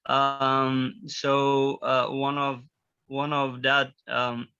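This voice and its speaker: A young man from Afghanistan giving an earnest, halting personal testimony on a video call. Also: mid-range voice, completely flat delivery, pushed and bright, clean tone. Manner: earnest, halting, searching for words. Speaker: student speaker at a community briefing. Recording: dull lo-fi video call audio.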